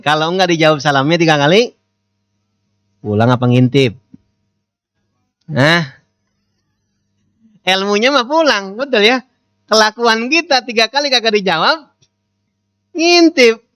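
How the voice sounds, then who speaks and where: A man's voice: fairly high pitch, fairly bright tone, no room sound. A man giving a casual sermon, joking and putting questions to his audience. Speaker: preacher.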